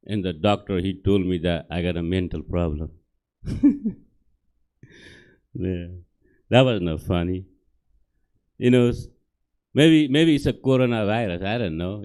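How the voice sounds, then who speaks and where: This middle-aged Nepali man has a low, darkish voice that is clear and resonant. He speaks with a Nepali accent, performing stand-up on a comedy theater stage in simple, broken English and checking in with the crowd again and again.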